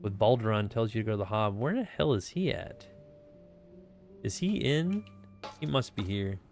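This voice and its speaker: A man's voice: fairly low pitch, lively intonation, normal speed, darkish tone, soft background music. A man playing through a game and chatting casually, rambling and swearing freely as he goes. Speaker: game streamer. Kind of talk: casual let's-play commentary.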